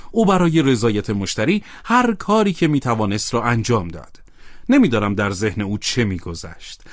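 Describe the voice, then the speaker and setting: Man reading an audiobook, lively pitch. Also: dry recording, clean studio sound. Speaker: audiobook narrator. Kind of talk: audiobook narration.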